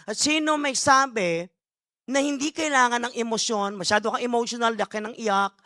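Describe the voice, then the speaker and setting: A man preaching as a bishop, mixing Tagalog and English as he works through his sermon. His voice is bright and forward, recorded close and dry with no room sound. He leans hard on key words, keeps asking the congregation questions and drops playful asides between points. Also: very high-pitched, normal speed, no room sound. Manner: emphatic, asks the crowd rhetorical questions and calls for amens.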